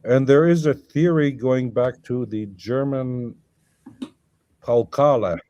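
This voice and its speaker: A guest scholar in an academic conversation lectures at length, thinking aloud with many fillers, self-corrections, and restarts. His voice is medium-pitched, slow, and dark, in a dry, muffled recording.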